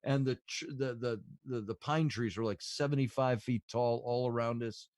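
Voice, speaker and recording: A podcast host rambles his way through long stories in a casual storytelling chat, filling them with fillers. His voice is medium-pitched and darkish at a normal pace, recorded in studio quality without echo.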